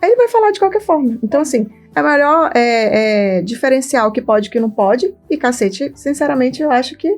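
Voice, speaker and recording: A woman's voice: high-pitched, fairly quick, hardly any pauses, soft background music. A Brazilian woman co-hosting a podcast for mothers, talking casually and acting out family dialogue as she tells stories. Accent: Brazilian Portuguese. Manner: animated storytelling, acts out dialogue. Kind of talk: casual chat.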